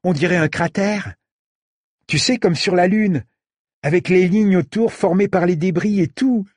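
A man voicing a curious, chatty boy who asks excited questions. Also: sits high, unhurried, no room sound, studio quality, pitched above the performer's own voice. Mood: eager.

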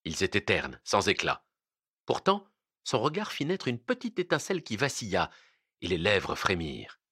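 A man narrating an audiobook in an expressive, dramatic reading on a close mic. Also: fairly low pitch, normal speed, slightly rough, no echo.

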